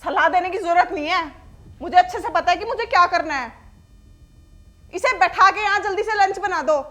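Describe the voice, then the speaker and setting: A woman's voice: very high voice, moderate pace, sharp tone. A woman playing an arrogant, cruel daughter-in-law who scolds in a harsh, contemptuous way. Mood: scornful.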